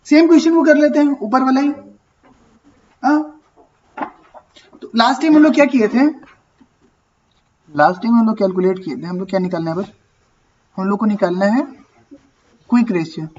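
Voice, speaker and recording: A man's voice: very high voice, normal speed, long pauses, darkish tone, highs cut off, a little hiss or hum. A man teaching an accounting class, talking casually and asking and answering his own questions. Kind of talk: classroom lecture.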